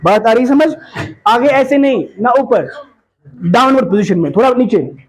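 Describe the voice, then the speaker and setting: A man teaching pronunciation to a class, repeating words slowly in drills and checking whether the students follow. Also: very high voice, expressive, breathy edge.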